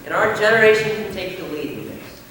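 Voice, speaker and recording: A young man playing an earnest male high school senior, giving a solemn, rousing stage speech. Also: fairly quick, sharp tone. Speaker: student actor. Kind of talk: stage play speech to a class. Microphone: distant room mic. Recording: echoey hall from far off, noisy.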